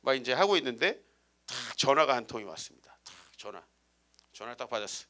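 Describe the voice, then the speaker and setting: A man's voice: mid-range voice, lively intonation, fast talker, bright, forceful tone. A man in his forties, a guest pastor giving a humorous storytelling sermon in a church, teasing the congregation with rhetorical questions. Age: 40s. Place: church sanctuary.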